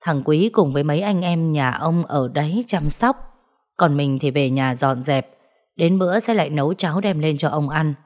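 A woman narrating a ghost story in a steady storytelling manner. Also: sits low, normal speed. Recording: faint background music.

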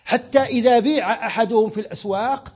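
A man's voice: extremely high pitch, fast talker, darkish tone, breathy edge. A Moroccan man giving a religious lesson on Islamic law, explaining patiently and repeating words as he searches for them. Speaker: sheikh teaching Islamic law.

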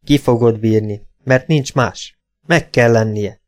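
A man's voice: mid-range voice, lightly acted. A man voicing a tense grown son who firmly insists to his old mother, in an audiobook. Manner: firm, insistent, sometimes pleading. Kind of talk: audiobook character voice.

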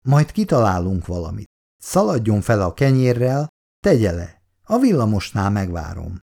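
A woman's voice: very deep voice, very animated, vocal fry, dark tone, full character voice. A man voicing a hesitant young wife. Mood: urgent. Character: hesitant young married woman.

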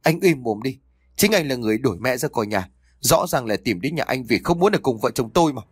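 Man reading as a snappy defensive daughter, fast talk, audio story. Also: medium pitch, expressive, breathy edge, no room sound, studio quality. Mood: snapping. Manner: snapping, quick. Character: sharp-tongued grown daughter, defensive.

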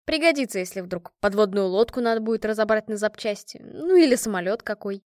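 A woman's voice: medium pitch, animated, brisk, no room sound, clean studio sound, close to an everyday voice. A woman reading the part of a squad commander in an audiobook, giving an affectionate, joking toast to her friend. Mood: teasing. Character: commander of a women's squad, warm and teasing.

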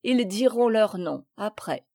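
A woman reading the part of a hearty, warm-hearted naval commander in a storybook, speaking in a booming, jovial way. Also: animated, measured pace.

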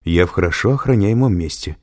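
A man's voice: deep voice, expressive, fairly quick, a little mellow, voice pushed up. A man reading an audiobook, voicing a frightened, insistent woman scientist in a raised, urgent voice. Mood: alarmed. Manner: urgent and alarmed.

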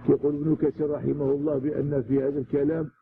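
A man with a Moroccan accent teaches a scripture commentary, explaining point by point and repeating words to stress them. His voice has a gravelly, creaky edge. The recording is lo-fi and narrow, with loud noise underneath. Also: fairly high pitch, little pitch movement, racing. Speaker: religious teacher.

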